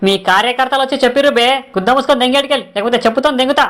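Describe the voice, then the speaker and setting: A woman's voice: high-pitched, a bit bright. A woman playing a fierce, foul-mouthed village woman who scolds a campaigner, speaking in a Telangana Telugu accent. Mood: angry scolding. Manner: abusive, rapid-fire scolding.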